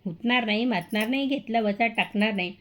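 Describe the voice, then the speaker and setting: A woman's voice: a little high, brisk, fairly bright tone, natural voice. A woman doing a timid palace maid. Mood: anxious. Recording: dull lo-fi recording.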